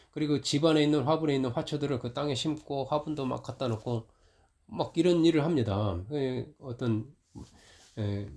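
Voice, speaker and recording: A middle-aged male pastor giving a conversational sermon in a church, telling a story that gets louder when he retells a quarrel. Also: medium pitch. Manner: storytelling, rising loud when retelling conflict.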